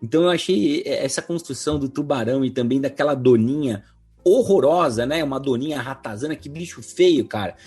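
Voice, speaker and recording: A man with a Brazilian Portuguese accent, co-hosting a film podcast in an excited, slangy casual chat. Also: mid-range voice, a little fast, breathy edge, soft background music. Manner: enthusiastic, lots of "cara" and "né". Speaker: podcast co-host.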